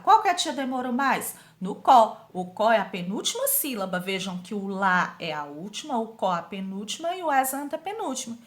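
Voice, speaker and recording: A woman with a Brazilian Portuguese accent leads a grammar review for young students. Her voice sits a little high, and she drags out key words for emphasis and asks quick check-in questions. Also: very animated. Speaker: teacher. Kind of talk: grammar review lesson for sixth graders.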